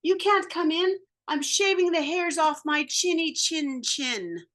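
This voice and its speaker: A woman voicing a rude, dismissive little male pig in a storybook read-aloud, shouting curt replies. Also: very high voice, unhurried, voice pushed up. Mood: snippy. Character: rude smart-mouthed male pig, small.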